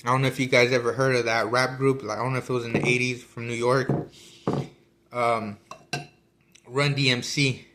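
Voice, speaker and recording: A man's voice: medium pitch, little pitch movement, moderate pace, pauses often, very noisy. A man talking casually about a book he is reading, rambling with many fillers and restarts while he eats. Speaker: vlogger discussing a book. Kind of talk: casual chat.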